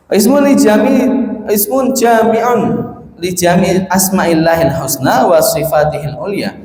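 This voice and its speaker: A man's voice: on the high side, a little mellow. Javanese-accented man teaching in echoey hall. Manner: explains slowly, repeating terms and translating Arabic phrases. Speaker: religious teacher. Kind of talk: classroom religious lesson. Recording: echoey hall with long reverb.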